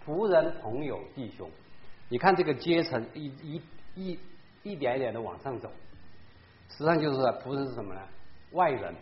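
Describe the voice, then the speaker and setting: A man leading a casual Bible study lesson, talking in an animated way, repeating himself and dropping in English words. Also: medium pitch, normal speed, long pauses, muffled recording.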